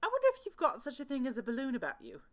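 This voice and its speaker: A woman's voice: sits high, huge pitch swings, very fast, voice pushed up. A woman voicing an earnest, simple-minded, honey-loving male bear in a children's storybook, pondering aloud in an emphatic, sing-song way. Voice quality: growly.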